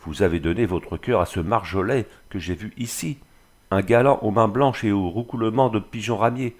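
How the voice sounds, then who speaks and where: A man's voice: on the low side, animated, normal speed, darkish tone. A man reading the part of a bitter, drunken glassmaker husband in an audiobook, sneering as he talks.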